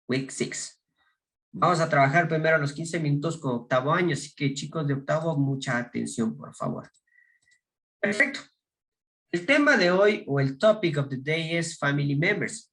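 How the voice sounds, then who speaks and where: Male teacher with an Ecuadorian accent, higher voice, unhurried classroom delivery, names words and translates them. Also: fairly bright tone. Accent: Ecuadorian Spanish. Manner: slow, explaining in Spanish and modeling English words. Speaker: English teacher. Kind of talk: recorded online class.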